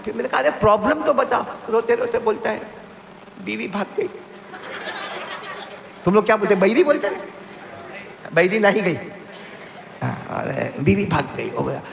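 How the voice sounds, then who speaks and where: Gravelly older man preaching in an echoey hall. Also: sits high, animated, normal speed, long pauses. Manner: humorous storytelling, leads the crowd to repeat prayers. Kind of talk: religious sermon to a congregation. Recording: echoey hall with faint background noise.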